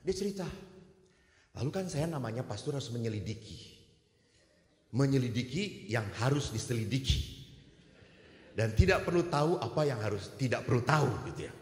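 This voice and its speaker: Male priest, sermon, animated storyteller, lively pitch, echoey hall with long reverb. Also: moderate pace, pauses often. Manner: animated, acts out dialogue.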